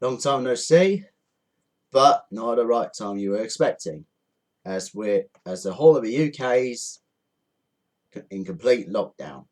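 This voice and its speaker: A man's voice: mid-range voice, expressive, measured pace, pauses often, darkish tone. A man ranting angrily to camera from home, swearing often and repeating his points with indignation. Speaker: vlogger. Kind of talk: angry rant to camera. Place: indoors at home.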